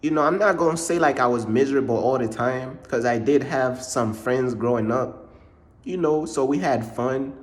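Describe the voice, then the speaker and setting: A young Ugandan man with a mid-range voice, speaking at normal speed, tells a rambling storytime vlog about his faith. This faith vlogger sprinkles his talk with "bruh" and "bro."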